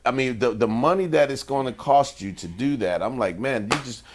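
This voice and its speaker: A man co-hosting a casual podcast who talks in a relaxed, colloquial way and repeats phrases for emphasis. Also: mid-range voice, fairly quick. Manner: affirming, with lots of "yeah" and "mm", repeating his own phrases for effect. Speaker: podcast co-host.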